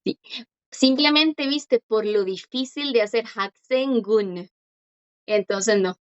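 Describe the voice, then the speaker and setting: A woman teaching a language class online, patiently explaining and slowly repeating words for her students. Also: a little high, clear, resonant tone, muffled recording.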